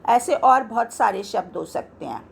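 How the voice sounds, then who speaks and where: A woman's voice: medium pitch, sing-song, moderate pace, creaky, slight background noise. A woman teaching a Hindi grammar lesson, explaining patiently and pointing to words she has marked.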